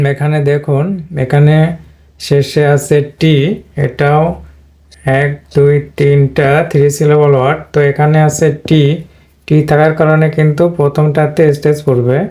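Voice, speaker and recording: A man teaching English pronunciation rules, explaining step by step and repeating himself, with an occasional throat clear. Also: fairly high pitch, level tone, unhurried, long pauses, mellow. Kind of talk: whiteboard lesson explanation.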